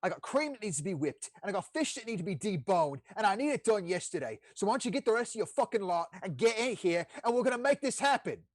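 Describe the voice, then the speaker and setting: A man's voice: high-pitched, big pitch swings, quick pace, few pauses, dry recording, voice pushed up. A man voicing a tall, bossy devil head chef who curses and barks orders at kitchen staff. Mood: barking orders. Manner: barking, cursing orders.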